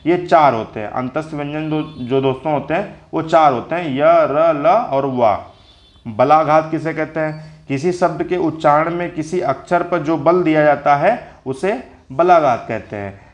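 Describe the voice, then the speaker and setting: Slow-paced male Hindi grammar teacher. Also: fairly high pitch. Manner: explains step by step, repeats definitions, addresses viewers as friends. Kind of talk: slow spoken classroom lesson.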